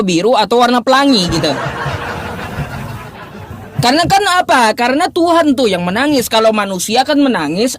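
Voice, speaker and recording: A man quizzing an opponent in a relaxed livestream debate, his pitch leaping high and low as he mocks and presses the point. He talks loosely, pausing to think aloud and hunt for his notes before pushing his question again. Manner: mocking, incredulous questioning with frequent laughs; animated pitch swings, thinks aloud while searching notes.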